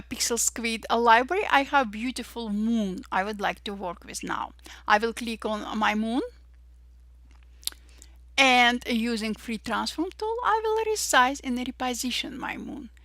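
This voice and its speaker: A young woman with an Armenian-Russian accent leads a Photoshop tutorial, cheerfully narrating each step slowly and deliberately and often saying "voila" and "perfect" after each result. Her voice is on the high side, with no echo.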